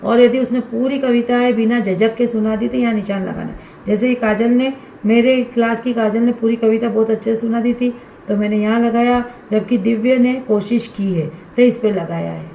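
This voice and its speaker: A woman's voice: a little high, steady tone, moderate pace, creaky, warm tone, reverberant, slight background noise. A woman primary school teacher explaining step by step how to fill in a student assessment workbook for fellow teachers. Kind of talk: instructional walkthrough for teachers.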